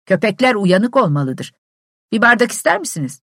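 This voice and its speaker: A woman voicing a cold, mocking gentleman landowner who speaks in a dry, curt way. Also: medium pitch, very animated, moderate pace, dry recording, pitched above the performer's own voice.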